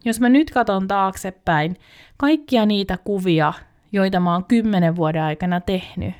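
A woman's voice: medium pitch, darkish tone. A woman hosting a podcast, speaking in a reflective scripted monologue that addresses the listener directly. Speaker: podcast host.

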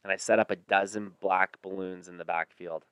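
Low-voiced, clear Canadian bro telling stories. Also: male voice, fairly even intonation, brisk, fairly bright tone, no room sound. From Ontario, Canada. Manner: slangy, bro-like storytelling with hyperbole. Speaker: podcast co-host. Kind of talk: casual hunting chat.

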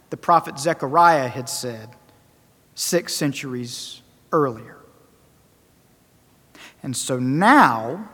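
High-voiced man preaching in a reverberant hall. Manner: emphatic, repeats phrases for effect, swings loud and soft. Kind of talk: sermon.

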